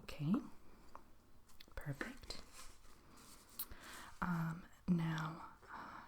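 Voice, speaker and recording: A woman in a whispered role-play, playing a chatty, polite fairy tale interviewer with a hesitant, conversational, softly questioning manner. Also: low voice, fairly even intonation, drawn-out words, slightly rough. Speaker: ASMR role-play performer.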